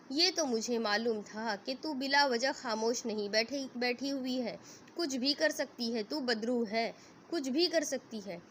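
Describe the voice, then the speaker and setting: A woman's voice: sits high, a bit bright, a little hiss or hum. A woman voicing a distraught young husband who sobs and threatens. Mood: vengeful. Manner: sobbing, threatening.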